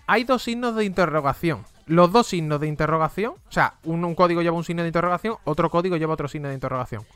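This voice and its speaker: A man's voice: a little high, fast, a bit bright, clear, resonant tone, no room sound, soft background music. A man with a Spain Spanish accent chatting casually on a live stream, running game giveaways and muttering exclamations as he goes.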